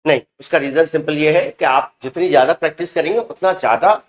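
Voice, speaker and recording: High-voiced man teaching English grammar. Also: roomy sound. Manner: explains slowly, repeats example sentences with emphasis. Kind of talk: spoken grammar lesson.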